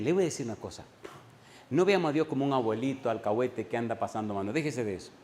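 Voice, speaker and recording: A man's voice: medium pitch, slight background noise. Preaching man in an echoey church. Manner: preaching with sudden loud rises and slow emphatic drops. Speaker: pastor. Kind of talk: sermon.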